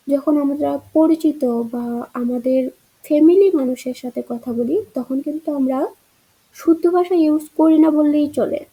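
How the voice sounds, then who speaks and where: Bright-voiced woman teaching grammar. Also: high voice, poor audio. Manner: explains answer choices, asks rhetorical checks. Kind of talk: exam-prep grammar lesson.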